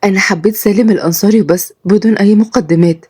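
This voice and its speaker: A woman's voice: medium pitch, racing, mellow, breathy edge, lightly acted. A woman voicing a kind, devout young woman who speaks sincerely and reassuringly in Egyptian Arabic.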